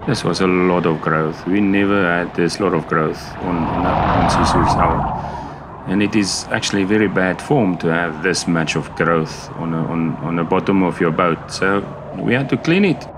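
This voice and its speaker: A man's voice: low-pitched, normal speed. A man in his fifties explaining a boat cleaning job in a casual vlog, step by step, aboard a catamaran and filmed on a close-held action camera. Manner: plain, step-by-step explaining with restarts. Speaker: sailing vlogger. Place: aboard a catamaran, outdoors on deck. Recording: noisy outdoor boat recording.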